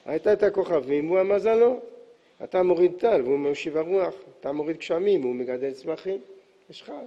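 A man's voice: on the high side, animated, dark tone, lightly acted. A man voicing an ancient male leader pleading with his god, in a rising, emphatic tone. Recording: echoey hall, dull lo-fi sound.

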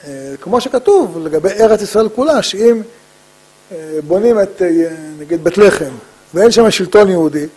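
High, husky-voiced man preaching. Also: expressive, a little mellow, rough recording. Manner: rhetorical questions answered himself, frequent "uh" fillers; emphatic repetition of key phrases. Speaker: rabbi giving a Torah lesson. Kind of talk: religious lesson sermon.

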